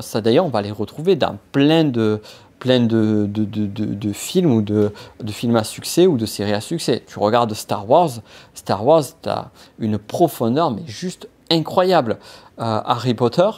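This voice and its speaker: A man's voice: medium pitch, a little mellow. A man hosting a solo business podcast, talking casually to the listener with frequent restarts and hesitations. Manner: hesitant, many restarts and fillers; addresses listener informally. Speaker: podcast host.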